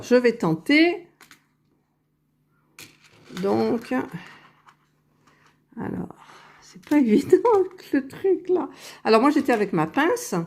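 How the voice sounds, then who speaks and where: Slow, mellow-voiced woman crafting aloud. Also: medium pitch. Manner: unhurried, thinking aloud while working, self-correcting. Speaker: crafting vlogger. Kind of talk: casual crafting tutorial. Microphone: phone held very close to the face.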